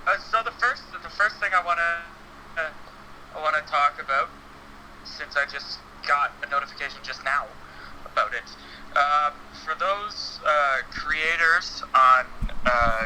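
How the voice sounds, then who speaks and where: A man talking through a phone on speakerphone, chatting casually as a podcast guest, halting with many fillers. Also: on the high side, pushed and bright, slight background noise, poor audio. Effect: heard over a phone on speakerphone. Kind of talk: casual chat about wrestling games.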